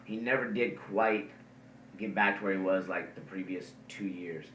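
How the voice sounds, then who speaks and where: Chatting casually about wrestling as a podcast co-host, this man rambles with plenty of ums and uhs in a low, fairly bright voice at a moderate pace. He's far from the microphone. The room echoes and carries faint noise.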